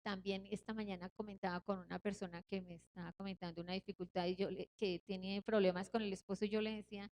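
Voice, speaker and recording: A woman's voice: medium pitch, flat delivery, a little mellow. Earnest woman giving a spoken sermon. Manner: earnest, personal testimony, slows to stress points. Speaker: Bible study leader.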